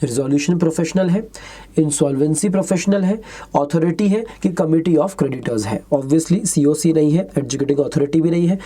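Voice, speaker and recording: A man giving an exam-prep lecture, mixing Hindi and English, reading questions out slowly and adding chatty asides. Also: a little high, warm tone.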